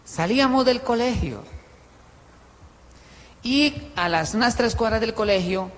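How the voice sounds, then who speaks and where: High-voiced pastor preaching in an echoing hall. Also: male voice, unhurried. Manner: animated, swings between loud and quiet; tells stories with humor. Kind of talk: sermon. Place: church hall with a congregation. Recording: long hall reverb.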